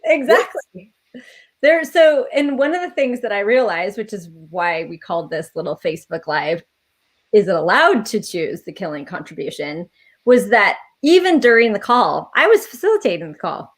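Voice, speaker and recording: A woman's voice: mid-range voice, big pitch swings, moderate pace. A woman facilitating a class, talking casually and reflectively on a live stream over a video call, laughing now and then.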